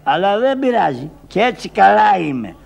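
Squeaky whiny puppet-show trickster, jumpy and gravelly. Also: male voice, big pitch swings, exaggerated voice. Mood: dazed, carefree. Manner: high squawky whining voice, stammering. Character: Karagiozis, scruffy cheeky poor Greek man, forgetful. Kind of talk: traditional shadow-puppet theatre voice.

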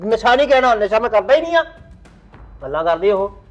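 A man's voice: high-pitched, big pitch swings, quick pace, soft background music. Man playing a sulky defensive son. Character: defensive young Punjabi man denying drug use. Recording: dull lo-fi sound.

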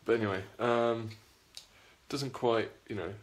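A man's voice: mid-range voice, steady tone, unhurried, reverberant. A man in his thirties casually reviewing a camping lantern, chatty and rambling with fillers and restarts. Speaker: cycling light reviewer. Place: small wooden shed, then a home room.

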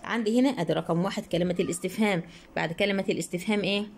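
A young woman with an Egyptian Arabic accent, teaching English grammar and answering workbook questions. She reads English sentences slowly, then explains them fast and keeps asking her students rhetorical questions. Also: mid-range voice, a little mellow, a little hiss or hum.

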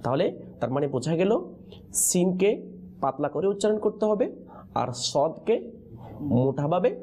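A man teaching the pronunciation of Quranic letters in a lesson, pausing on questions so his students answer in chorus. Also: a little high, expressive, warm tone. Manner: call-and-response teaching, prompting answers with questions.

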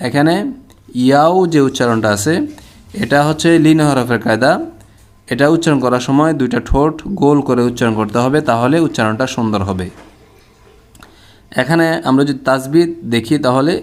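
A man with a Bangladeshi Bengali accent teaching Quran recitation, spelling out letters and chanting syllables in long drawn-out tones. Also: medium pitch. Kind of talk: slow spelled-out recitation lesson.

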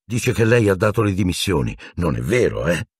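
A man's voice: deep voice, very animated, normal speed, a little mellow, slightly rough, no echo, clean studio sound, heavily acted. A man voicing an earnest teenage wizard boy who asks urgent, pleading questions.

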